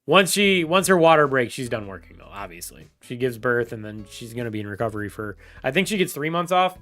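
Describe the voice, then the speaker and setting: A man's voice: medium pitch, very animated, a little fast, fairly bright tone, soft background music. A man streaming a game and chatting casually with his viewers, rambling and laughing often. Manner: rambling, laughs often, talks straight to chat. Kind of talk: casual livestream chat.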